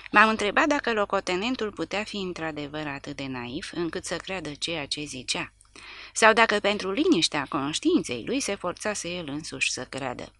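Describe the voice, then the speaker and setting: A woman narrating a war novel in the first person with an expressive, animated reading. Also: deep voice, no echo. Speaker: audiobook narrator.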